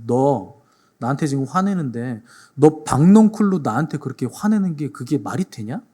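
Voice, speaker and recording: A man voicing God as a calm, fatherly deity who reasons with a sulking prophet through plain questions. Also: mid-range voice, normal speed, slightly rough. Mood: reasoning.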